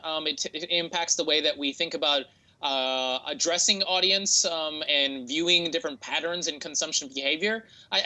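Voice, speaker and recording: A tech entrepreneur, a man with a standard American accent, explains things as an interview guest, often hesitating and repeating words while he thinks. His voice sits on the high side and sounds pushed and bright, and the recording is rough.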